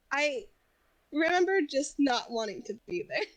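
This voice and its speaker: A high-pitched woman co-hosting a podcast, chatting and recounting old work stories. She laughs freely between phrases. The sound is close and dry. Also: no room sound, low-quality recording. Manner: laughs often, chatty storytelling. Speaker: podcast co-host. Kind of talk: casual chat.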